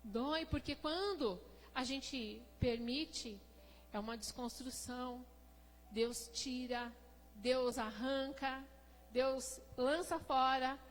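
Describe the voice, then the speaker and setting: A woman with a high voice preaches a sermon in a church hall, her words trailing off into a long reverb. She swings between loud, emphatic bursts and soft, low passages, and acts out the people in her stories. A faint hum runs behind her. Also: takes it slowly. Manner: tells anecdotes with quoted speech. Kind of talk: sermon at a prayer service.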